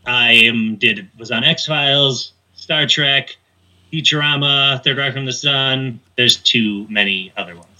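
A man's voice: mid-range voice, unhurried, pushed and bright, rough recording. A man in his thirties, a podcast panelist and moderator, talking in an easygoing, earnest way. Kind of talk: casual chat.

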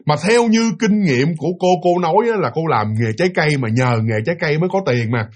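Male ghost-story teller, Southern Vietnamese, high husky voice, conversational. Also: lively intonation, fast talker. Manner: chatty, repetitive, asides to the listener. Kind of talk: casual spoken ghost story.

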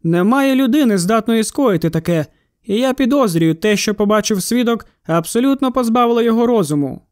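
A man's voice: sits high, a little fast, no room sound, studio quality. A man reading the part of an agitated, exclaiming middle-aged town constable in an audiobook. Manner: excited and exclaiming.

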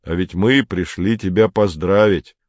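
A man doing a calm, firm teenage boy. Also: deep voice, measured pace, dry recording, muffled recording.

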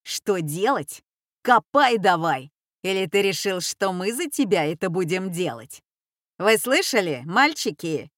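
A woman's voice: lowish voice, very animated, a little slow, no echo, clean studio sound. A woman voicing a harsh, bossy old woman who leads a gang and barks orders. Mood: commanding. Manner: barking orders, shouting. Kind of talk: audiobook character voice.

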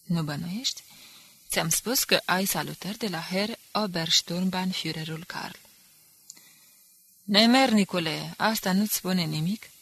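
A woman's voice: lowish voice, gravelly, fairly bright tone, slightly rough, no echo, full character voice. A woman reading the part of a menacing male undercover agent who talks in an ironic, threatening way. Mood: mocking.

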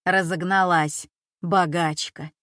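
Woman reading old grandmother, gruff, bitter, curt reproachful speech, slow, dry close sound, storybook. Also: medium pitch, lively intonation, no echo. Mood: grumbling. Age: older.

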